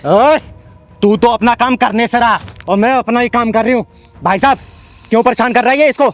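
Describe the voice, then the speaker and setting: A man's voice: very high voice, brisk. A man playing fierce transgender enforcer Chingari. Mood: taunting. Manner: scolding, street-tough, lecturing. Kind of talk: Rajasthani comedy sketch drama.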